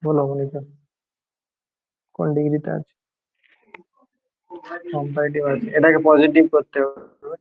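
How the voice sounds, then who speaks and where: A male teacher giving a grammar lesson, explaining slowly, repeating key points and quizzing his students. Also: a little high, monotone, creaky, narrow, tinny audio.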